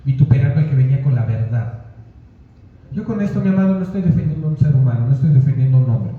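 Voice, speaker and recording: A man's voice: medium pitch, expressive, quick pace. A man preaching a sermon as a pastor, talking straight to his listeners. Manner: conversational preaching, addressing listeners directly. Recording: echoey hall, dull lo-fi sound.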